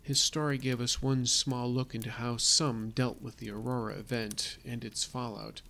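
A man voicing a newspaper reporter who closes the story in a formal, measured, solemn manner. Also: medium pitch, level tone, creaky, pushed and bright, a little hiss or hum. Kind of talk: scripted narration in audio drama.

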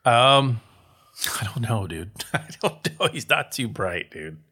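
A man's voice: mid-range voice, sing-song, takes it slowly, sharp tone, husky. A man co-hosting a casual podcast chat, swearing freely and saying "dude" a lot, laughing often. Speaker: podcast co-host.

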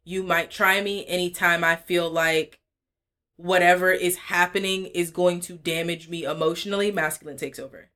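A woman co-hosting a podcast, thinking aloud in a relaxed, reflective chat. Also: on the low side, moderate pace, clean tone. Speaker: podcast co-host. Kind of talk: casual chat.

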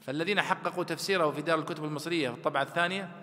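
A man's voice: fairly high pitch, racing, bright, forceful tone, in a large hall. A man teaching a class on Quran commentary, explaining words at length and reciting classical verses and poetry. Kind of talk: classroom lecture.

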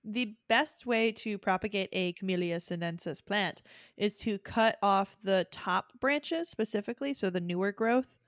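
A woman's voice: medium pitch, a little slow, no room sound, studio quality. A woman co-hosting a casual chat, explaining things in a chatty way and laughing easily. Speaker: podcast co-host.

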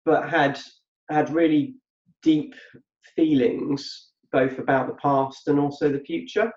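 A middle-aged man speaks reflectively as a podcast guest, halting and repeating words as he thinks aloud. His voice is on the high side and darkish, with fairly even intonation. The sound is dull and roomy, picked up off-mic.

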